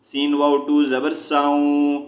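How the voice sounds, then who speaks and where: Slow, flat-voiced man spelling recitation. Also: on the high side, roomy sound. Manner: spells each letter and vowel, then blends and recites slowly; quick asides explaining pause rules. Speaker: Quran teacher.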